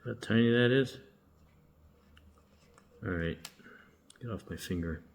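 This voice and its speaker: A man who works as a locksmith, giving a casual hands-on demonstration and thinking aloud in a relaxed, halting way while he works. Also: on the low side, vocal fry. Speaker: locksmith demonstrating key making.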